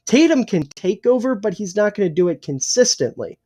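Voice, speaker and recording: A young man co-hosting a casual sports podcast, opinionated and swearing freely, a little hoarse and clearing his throat. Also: sits high, big pitch swings, fairly quick, mellow. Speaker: podcast co-host.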